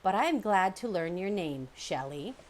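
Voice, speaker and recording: A woman voicing a friendly female robot in a storybook reading, polite and formal in a gentle tone. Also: mid-range voice, expressive, normal speed, close to an everyday voice.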